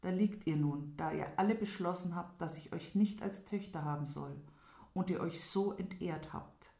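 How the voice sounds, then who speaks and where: A woman's voice: fairly low pitch, normal speed, vocal fry, warm tone. A woman voicing a stern old man who scolds and warns in a fairy tale. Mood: angry. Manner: scolding, warning. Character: stern old man, harsh with his dough daughters. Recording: roomy echo.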